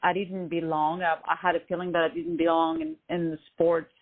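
This guest, a musician born in Lebanon and raised in France, speaks fairly quickly in a lowish voice with little pitch movement. She responds to the interview haltingly, filling gaps with ums and the like, and the line sounds tinny, like a phone call.

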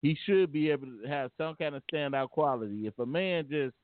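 A man's voice: on the high side, brisk, slight background noise. A man telling a personal story casually and earnestly, often repeating and restarting his phrases. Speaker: vlogger. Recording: tinny phone-like dry sound.

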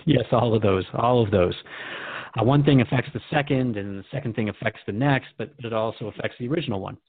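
A male radio host runs a radio drama dialogue with a medium-pitched, husky, fairly quick voice. He's informal and keen, recapping points and asking conversational questions. The recording is dry, dull and narrow, like a phone line.

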